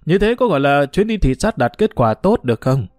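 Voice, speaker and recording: A man's voice: fairly high pitch, big pitch swings, a little fast, a little mellow, no room sound, clean studio sound, soft background music. A man voicing a proud, teasing old retired official who talks in a boastful, bureaucratic way. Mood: smug.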